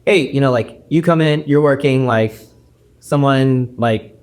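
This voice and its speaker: A man with a mid-range voice, speaking a little slowly, is an actor appearing as a guest on a podcast. Born in the United States with Mandarin as his first language, he talks in a loose, rambling way full of fillers and restarts during this casual interview.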